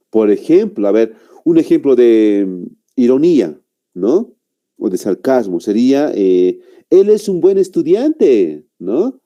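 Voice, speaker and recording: A man teaching a grammar class in a very dark, mellow voice. His pitch moves a lot as he explains each point. He keeps stopping to check that his students are following. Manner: explains slowly, often checks with "¿no?" and "muy bien". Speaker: language teacher. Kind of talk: online grammar lesson.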